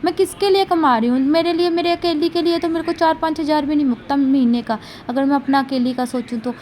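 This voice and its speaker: A woman's voice: high voice, fast talker, a little mellow, a little hiss or hum. A woman vlogging casually at home about her day as a mother, talking in a rambling way with frequent tag questions. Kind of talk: casual chatty daily vlog.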